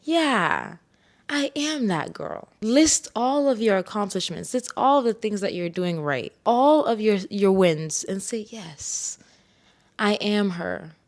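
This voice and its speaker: A woman's voice: medium pitch, lively intonation, slow pace. A young woman from Ghana hosting a solo podcast, telling personal stories in a candid, reflective way with bursts of playful self-hype. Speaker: podcast host.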